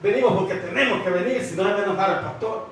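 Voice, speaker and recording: A preacher with a high voice delivers his sermon, constantly addressing the brethren and throwing questions at them. He is recorded from a distance in a church hall with a heavy echo. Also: very fast. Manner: repeats 'hermanos', asks the congregation questions. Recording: echoey hall from far off.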